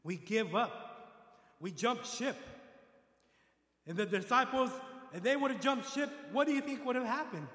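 High-voiced man preaching in an echoey hall. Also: moderate pace, pauses often. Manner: rises from calm to loud emphatic preaching, dramatizes voices. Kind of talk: sermon. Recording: echoey hall with long reverb.

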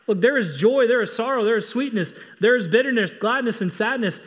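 High-voiced man preaching earnestly. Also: brisk, fairly bright tone. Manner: earnest, emphatic preaching with repetition. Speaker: pastor. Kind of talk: sermon.

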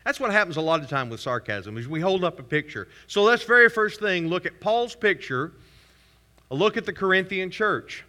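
Animated pastor in reverberant hall. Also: male voice, sits high, normal speed. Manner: animated preaching, reads scripture aloud with sarcastic emphasis. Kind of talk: sermon. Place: church sanctuary.

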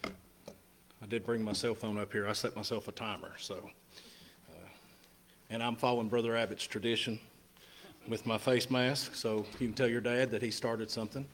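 A man's voice: fairly low pitch, fairly even intonation, moderate pace, pauses often, a little hiss or hum. A man giving an informal sermon and Bible lesson at a pulpit microphone in a church sanctuary. He speaks plainly, with many fillers and restarts. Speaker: guest preacher.

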